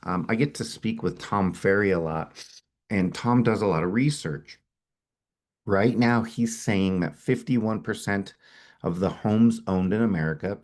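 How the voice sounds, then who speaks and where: A middle-aged company founder with a low voice and a cold, sniffling as he goes, delivers an energetic sales pitch over a webinar. He often repeats words when restarting his sentences.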